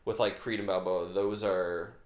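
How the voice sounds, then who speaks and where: A man's voice: deep voice, fairly even intonation, normal speed. Rambling upbeat man, echoey room. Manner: rambling, restarts a lot, upbeat. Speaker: podcast co-host. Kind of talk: casual film chat.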